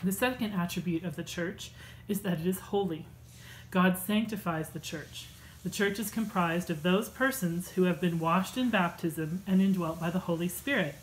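Woman in her thirties, church class teacher, reading notes, slightly low voice, measured and earnest. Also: a little hiss or hum, rough recording. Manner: measured, earnest delivery with occasional fillers. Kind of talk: reading prepared lesson notes. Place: home room with bookshelves.

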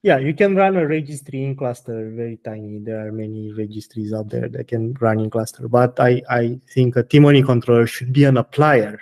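A man interviewed as a guest about his software project, speaking hesitantly with frequent restarts, then answering bluntly. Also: medium pitch, fairly even intonation, a little fast, few pauses. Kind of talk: technical interview.

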